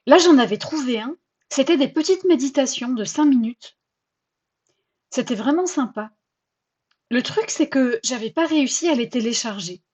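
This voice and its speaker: A woman hosting a personal podcast, telling her own story in a chatty, self-mocking and expressive way. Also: high voice, moderate pace, pauses often, breathy edge, muffled recording. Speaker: podcast host.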